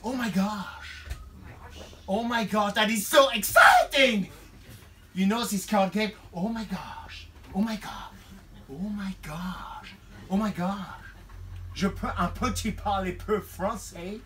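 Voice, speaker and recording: A man's voice: high voice, slow. Man putting on a gushing English girl. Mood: giddy. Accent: put-on English. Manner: gushing, squealing exclamations. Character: giddy young English woman backpacker. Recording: distant mic in a noisy bar crowd.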